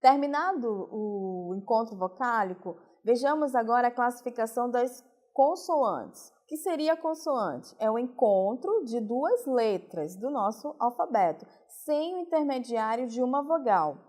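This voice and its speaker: A woman teacher from Brazil, giving a recorded lesson and explaining slowly, stressing each example word. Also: a little high, animated, darkish tone. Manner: slow, deliberate explaining, stressing example words. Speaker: Portuguese teacher.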